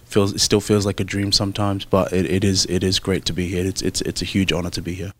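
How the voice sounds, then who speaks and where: A young man with an Australian accent, a rugby player answering interview questions in a soft, hesitant, thoughtful way with many fillers. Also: low voice, level tone, fast talker, a little hiss or hum.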